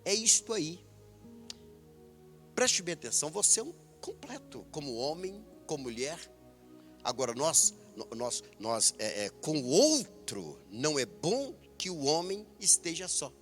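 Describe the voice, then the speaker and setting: Brazilian pastor guy preaching, bright lively voice, swings way up and down, faint music behind. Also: a little high, measured pace. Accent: Brazilian Portuguese. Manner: animated, emphatic, with frequent laughs. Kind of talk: sermon.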